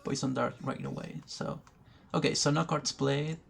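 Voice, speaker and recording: A man giving educational commentary over a card game, thinking aloud slowly, pausing often and restarting his sentences. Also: on the high side, steady tone, vocal fry. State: has the hiccups. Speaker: gaming video creator. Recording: faint background noise, poor recording.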